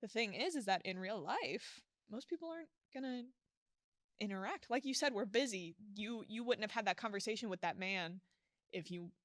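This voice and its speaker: A woman's voice: mid-range voice, animated, dry recording. Earnest young woman, dry close sound. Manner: earnest, encouraging, quick to laugh. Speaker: podcast guest. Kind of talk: casual faith conversation.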